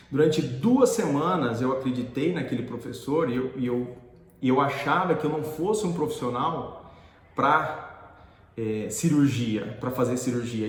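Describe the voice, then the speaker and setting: A middle-aged man telling a personal story in an earnest, halting way, often restarting his sentences. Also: medium pitch. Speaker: dentist and teacher. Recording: echoey room with long reverb.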